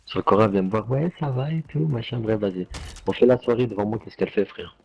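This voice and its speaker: A man's voice: lowish voice, expressive, fast talker, gravelly, darkish tone, breathy edge. A young man telling a casual anecdote to friends in street slang, peppered with slang tags and fillers. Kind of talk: casual anecdote told to friends while gaming.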